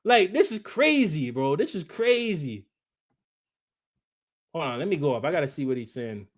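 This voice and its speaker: High-voiced man ranting at his chat. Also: big pitch swings, normal speed. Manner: combative, repetitive, talks straight at chat. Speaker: live streamer. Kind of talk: heated live-stream rant.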